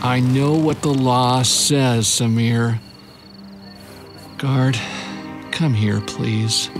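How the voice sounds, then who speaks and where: A man's voice: mid-range voice, steady tone, drawn-out words, over music. An actor playing a vain but kindhearted ancient king, regal and hesitant, in a theatrical Bible drama. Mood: bitter, resigned.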